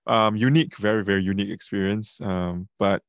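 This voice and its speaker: A man's voice: lowish voice, fairly even intonation, a little fast, clear, resonant tone, dry recording, clean studio sound. A man from Singapore with a Singaporean accent, hosting a conversational podcast. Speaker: podcast host.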